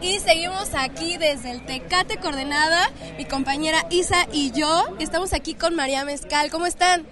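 High-voiced Mexican woman reporting at a festival. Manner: upbeat, quick questions. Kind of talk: on-site interview. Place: outdoor music festival. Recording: loud music and crowd behind.

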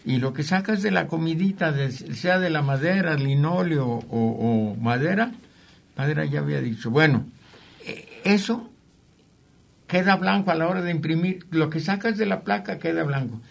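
A man's voice: a little high, moderate pace, gravelly. An older man with a Mexican accent, a printmaker guest telling rambling stories with chuckling asides. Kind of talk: anecdotal interview talk.

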